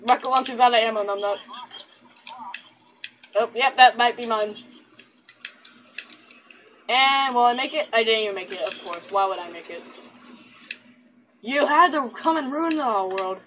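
A woman's voice: on the high side, moderate pace, pauses often, fairly bright tone, a little hiss or hum, low-quality recording. A woman giving playful, giggly commentary over her own gameplay, teasing her friends as she plays. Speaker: gaming channel host. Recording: constant mouse and keyboard clicking.

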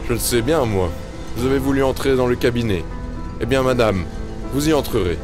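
A man's voice: medium pitch, fairly quick, close to an everyday voice. An actor playing a cruel, cold-hearted nobleman husband in a storybook reading, speaking in curt, menacing commands. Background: music.

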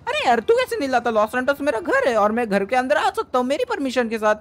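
Woman playing a cheeky lil kid, super high voice, bouncy. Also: sing-song, fast talker. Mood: teasing. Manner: cheeky, carefree. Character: cheeky little five-year-old boy. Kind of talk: game role-play voice acting.

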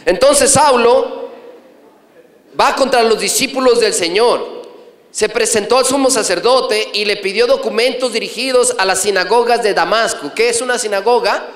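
Middle-aged priest preaching, questions the crowd; bright high voice, echoey room. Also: male voice, normal speed. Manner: storytelling, asks the audience questions. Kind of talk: sermon. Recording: echoey hall from a distance.

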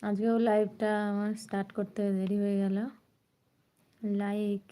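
A woman's voice: medium pitch, completely flat delivery, normal speed, warm tone, smooth. A young woman from West Bengal with a sore throat, chatting casually on a live stream and greeting viewers by name. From West Bengal, India.

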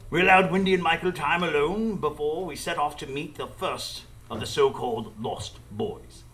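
A man playing Doctor Watson, an observant gentleman narrating a radio drama in a measured, literary way. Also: on the high side. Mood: composed.

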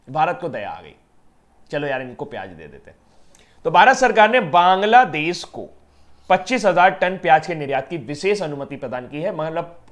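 A man's voice: fairly high pitch, fairly bright tone. A man teaching current affairs for government exams in a casual, chatty way, joking with and addressing his students directly. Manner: chatty, teasing, addresses students as yaar and beta. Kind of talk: casual Hindi lecture to students.

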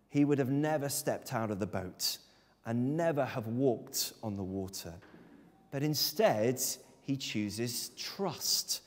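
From a lectern in a church sanctuary, a man in his thirties gives an earnest, emphatic sermon in a mid-range, darkish voice. The sound comes from a far camera, with long church reverb.

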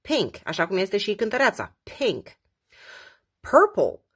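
A Romanian-speaking woman teaching English color words, repeating each slowly and explaining how to pronounce them. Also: medium pitch, wildly swooping pitch, a bit bright, slightly rough. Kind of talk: language lesson.

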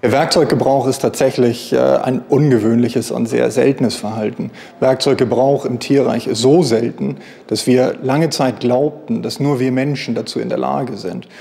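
A man's voice: medium pitch, fairly even intonation, normal speed, vocal fry, few pauses, mellow. A man in his thirties explaining as a scientist in an indoor interview. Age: 30s. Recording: reverberant indoor room.

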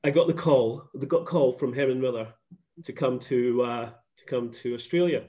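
A man's voice: medium pitch, moderate pace, warm tone. Chatty man on a muffled call. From Scotland. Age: middle-aged. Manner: chatty, rambling with restarts. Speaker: guest. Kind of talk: casual video call interview. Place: home office. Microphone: laptop webcam video call. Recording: muffled video call audio.

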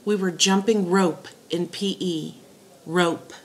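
A woman teacher dictating spelling words and sentences in a deliberate way, setting words apart and repeating them. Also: mid-range voice. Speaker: teacher giving a spelling test.

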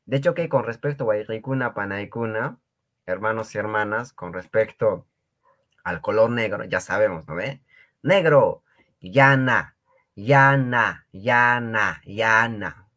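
A man teaching a Quechua lesson, patiently repeating each word and checking in with his students. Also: on the low side. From Peru. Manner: patient, repeats words slowly, often asks "¿ya?" and "¿no ve?". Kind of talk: online language lesson.

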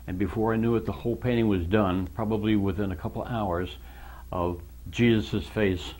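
A man tells the story of his conversion in an earnest, emotional way, acting out the conversations he remembers. His voice sits fairly low and sounds husky, and at times he sinks into a near whisper. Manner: earnest, emotional, quotes others in dialogue; voice drops to soft whispers at moments. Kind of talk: personal testimony, storytelling.

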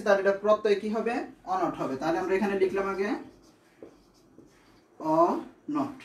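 A man's voice: sits high, echoey room. A man teaching grammar, explaining step by step and answering his own questions. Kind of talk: classroom lesson.

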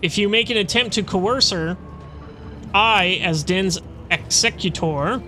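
A man's voice: high-pitched, a little slow, bright, forceful tone, a little hiss or hum. A man voicing a stern, solemn chaplain in a video game, speaking formally.

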